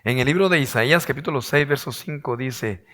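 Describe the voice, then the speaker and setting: A man preaching a sermon as pastor, his voice hoarse, asking rhetorical questions and acting out quoted voices. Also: mid-range voice, fairly quick, sharp tone.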